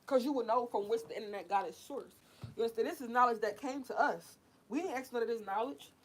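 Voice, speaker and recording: A woman's voice: fairly high pitch, fast talker, slightly rough. A young woman ranting heatedly to her camera, swearing, preaching and repeating herself. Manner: fiery, swearing, repetitive, preachy. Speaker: vlogger.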